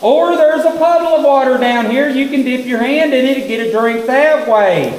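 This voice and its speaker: A man's voice: extremely high pitch, normal speed. A man guiding a tour group through a cave, giving friendly directions, his voice ringing with cave echo. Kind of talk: guided tour talk. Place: inside a cave. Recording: echoey cave, long reverb, faint hiss.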